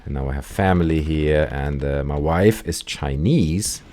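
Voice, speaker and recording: A man's voice: extremely low pitch, unhurried, warm tone. A man in his thirties with a German accent, German-born, hosting a call-in show and chatting while playing a video game, often breaking off mid-sentence to react to the game.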